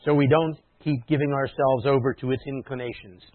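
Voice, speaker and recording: A man delivers a teaching sermon at a middle pitch, patient and explanatory. He often drops his voice for quiet asides. The sound is thin and phone-like, with no room echo. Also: fairly even intonation, fairly quick. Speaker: messianic rabbi preaching. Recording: dry tinny phone-like sound.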